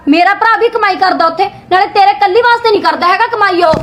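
A woman's voice: very high-pitched, quick pace, fairly bright tone, slight background noise. A young woman playing a spoiled college-going daughter who snaps back at her sister-in-law and begs her father for money. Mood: snappy. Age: young adult. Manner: snappy, talks back. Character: spoiled, vain, sharp-tongued young daughter. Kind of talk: Punjabi short-film acting.

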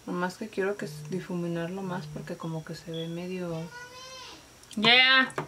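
A woman's voice: fairly low pitch, flat delivery, fairly quick, a little mellow, rough recording. A woman hosting a casual makeup tutorial, chatty and playful, mixing in English words and slang. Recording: faint hiss.

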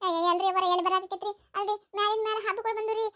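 A woman's voice: extremely high pitch, level tone, rapid-fire, sharp tone. A woman with a North Karnataka accent playing a chatty, gossiping neighbour in a village comedy sketch.

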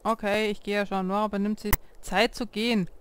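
A woman's voice: mid-range voice, flat delivery, brisk, a little hiss or hum. A woman hosting a life-sim let's play, chatting casually, talking to her game characters and reading menu options aloud. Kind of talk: casual gameplay commentary. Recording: clear game music behind the voice.

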